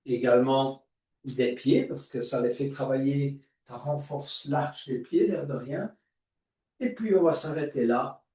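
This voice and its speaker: A man guiding a yoga class, giving calm, drawn-out cues for breathing and movement. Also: mid-range voice. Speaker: yoga teacher. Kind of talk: guided yoga class instruction. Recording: echoey room, voice far from mic.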